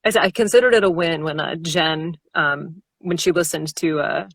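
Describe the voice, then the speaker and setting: A woman with a lowish voice talks shop about narration in a relaxed live-stream chat. She is animated and laughs often. Her voice sits close and dry, with almost no room sound. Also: normal speed, no echo. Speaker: audiobook narrator.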